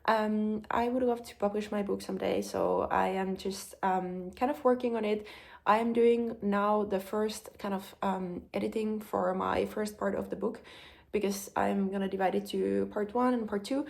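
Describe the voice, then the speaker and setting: A young Finnish woman speaks English as a second language with a Finnish accent, reflecting candidly and thoughtfully in her personal vlog with frequent ums. Her voice is medium-pitched, steady, creaky and somewhat dark, at a normal speed.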